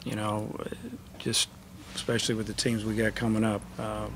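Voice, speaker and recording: Fairly low-pitched and monotone at a moderate pace, a middle-aged man who coaches college baseball takes post-game questions over a table mic, with background noise audible. His answers are matter-of-fact and full of fillers, given in a press conference room in front of a sponsor backdrop.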